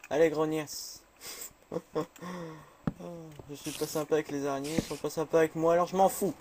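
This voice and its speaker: A man chatting through a game, nervous and quick to say he is scared. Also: fairly high pitch, flat delivery, a crowd in the background. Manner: jumpy, chatty, easily scared. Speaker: gamer. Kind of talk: casual let's play commentary.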